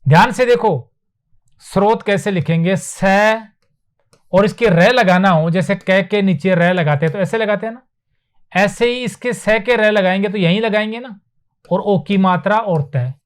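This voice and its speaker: Male teacher, high voice, lecturing at a board; drills each word, asks and answers his own questions. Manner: repeats words slowly for emphasis, asks and answers himself. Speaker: Hindi teacher. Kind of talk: classroom lecture on spelling. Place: classroom with whiteboard.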